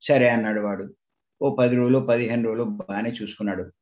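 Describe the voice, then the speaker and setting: A man's voice: medium pitch, fairly even intonation, a little fast, a little mellow. Man giving a spiritual talk, muffled recording. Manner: questions the listeners and tells them to think; storytelling, acting out the people in his story. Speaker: spiritual teacher. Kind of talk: spiritual discourse with a parable. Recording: dull lo-fi recording.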